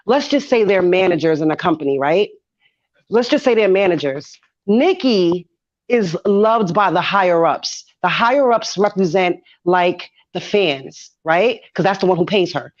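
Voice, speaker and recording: A woman's voice: mid-range voice, lively intonation, a little slow, muffled recording. A woman with a New York accent in heated casual discussion, speaking emphatically and repeating phrases for effect. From Brooklyn, New York.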